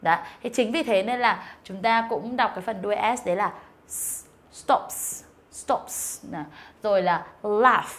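A young woman teaching English online at a patient, steady pace. She keeps her voice in a middle register and slows down to model each sound carefully. Frequent fillers and gentle check-in questions run through her explanations. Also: medium pitch. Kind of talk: online lesson.

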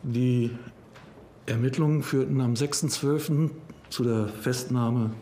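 A man's voice: medium pitch, steady tone, dark tone, a little hiss or hum. A middle-aged man, a police investigator, giving a formal press conference statement with frequent hesitations. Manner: formal, halting with frequent fillers. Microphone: table microphones.

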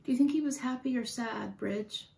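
A woman reading a picture book aloud to a child in an animated, sing-song way, stopping to ask questions. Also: on the high side, normal speed, gravelly. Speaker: storyteller for children.

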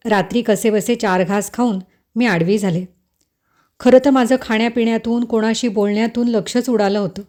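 A woman telling a first-person romance story in an intimate, unhurried scripted narration. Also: medium pitch, warm tone.

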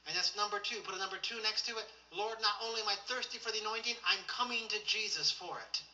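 A man's voice: high-pitched, fast, pushed and bright. A male pastor teaching a church lesson, leading the congregation in repeated declarations and telling them to underline verses. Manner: directs listeners to underline verses. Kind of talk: church teaching with call-and-response. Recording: echoey, distant, dull lo-fi sound.

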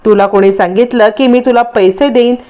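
A woman's voice: on the high side, fairly even intonation, fairly quick, dull audio, natural voice. A woman voicing a wealthy older father who has been deceived, speaking in an indignant, scolding way in a storytelling recap. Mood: angry.

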